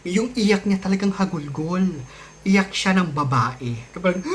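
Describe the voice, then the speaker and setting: A man's voice: sits high, animated, measured pace. Chatty man telling a ghost story. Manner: chatty, mixes Tagalog and English, many restarts and fillers. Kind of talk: casual storytelling to camera.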